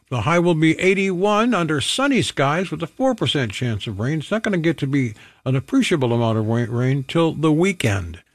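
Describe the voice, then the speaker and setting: A man's voice: fairly high pitch, dry recording. A man hosting a classical music radio show from a studio, talking casually and adding wry asides between pieces. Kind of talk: casual on-air presentation. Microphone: studio microphone.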